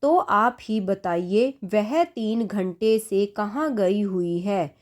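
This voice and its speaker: A stern middle-aged mother-in-law scolds indignantly in a storybook tale, as a woman puts her on. She talks slowly and unhurriedly, pressing each complaint home. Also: mid-range voice, a little mellow. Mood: angry.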